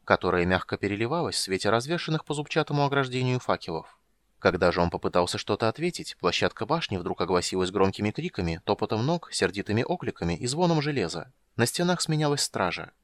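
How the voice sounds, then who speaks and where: Low-voiced male audiobook narrator. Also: no echo. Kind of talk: scripted fantasy narration.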